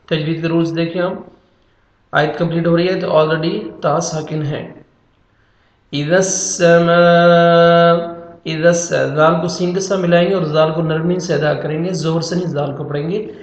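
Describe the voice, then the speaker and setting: A man's voice: on the high side, fairly even intonation, echoey room, lo-fi sound. A man giving a Quran reading lesson, patiently spelling out letters and vowel marks syllable by syllable. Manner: patient, instructive, drills syllables one by one. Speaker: Quran teacher.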